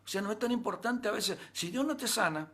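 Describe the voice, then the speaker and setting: Fairly quick and expressive, this high-voiced male pastor with a Rioplatense Spanish accent delivers a sermon in a slightly bright tone. Emphatic rises and many rhetorical questions push his message forward.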